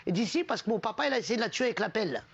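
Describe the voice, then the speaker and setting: A man's voice: high-pitched, expressive, racing, lo-fi sound, background noise. A man casually telling jokes on a TV panel show, acting out the characters' lines.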